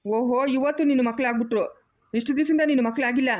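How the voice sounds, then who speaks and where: A woman's voice: high voice, fast talker, darkish tone, pitched below the performer's own voice, lightly acted. A woman voicing a mocking elder relative who taunts a wrongdoer. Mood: taunting. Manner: taunting, scolding.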